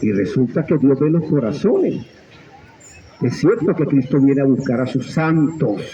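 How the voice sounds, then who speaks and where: Give me a middle-aged man delivering a sermon in an animated, rising-and-falling voice. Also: mid-range voice, unhurried, lo-fi sound. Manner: fervent, swooping preaching with sudden rises and drops. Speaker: preacher. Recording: faint background noise.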